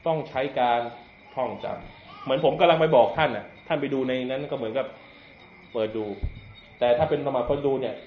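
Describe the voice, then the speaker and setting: A man giving a relaxed Islamic lecture in a mosque hall. He jokes with the audience and sounds out letters to demonstrate pronunciation. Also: medium pitch, fairly quick, slight background noise. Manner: joking, conversational, demonstrates pronunciation aloud. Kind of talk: religious lecture. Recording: echoey, dull lo-fi hall recording.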